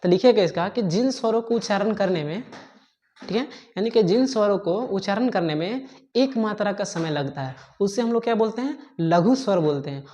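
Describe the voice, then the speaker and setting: A woman teacher dictates a grammar lesson at a steady, unhurried pace. She repeats every definition and keeps checking in with small fillers so her students can keep up with their notes. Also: mid-range voice. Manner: repetitive, dictating slowly, frequent checking fillers.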